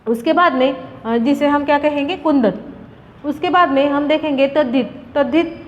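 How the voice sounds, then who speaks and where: A woman teaches a grammar lesson with a high voice. She works slowly through the material and repeats each example word as she explains it. The recording sounds dull and muffled, with a long reverb trailing after her words. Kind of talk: classroom lesson.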